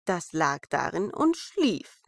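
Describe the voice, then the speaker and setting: Female storyteller, German fairy tale bedtime narration, slow pace, dry close sound. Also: fairly low pitch, big pitch swings, vocal fry, dry recording. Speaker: podcast storyteller.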